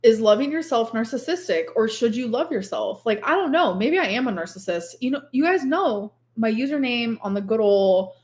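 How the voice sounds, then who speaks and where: A woman's voice: on the high side, lively intonation, normal speed, hardly any pauses, darkish tone. A drunk woman in her thirties chatting casually on a livestream, rambling and confessional. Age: 30s.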